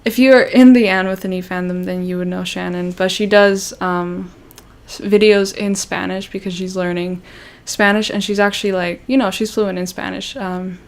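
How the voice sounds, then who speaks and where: This young Canadian livestream host talks casually in a steady mid-range voice at normal speed, with few pauses. Still, she rambles self-consciously, dotting her speech with fillers and restarts.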